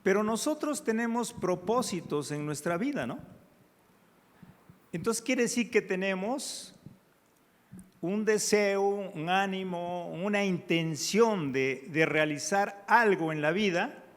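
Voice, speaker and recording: A man preaches a sermon at an unhurried pace, drawing out his prayer phrases before pressing his teaching points with emphasis. His voice sits a little high for a man. The sound rings with the long reverb of a church hall. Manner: slow, prayerful, drawn-out phrases.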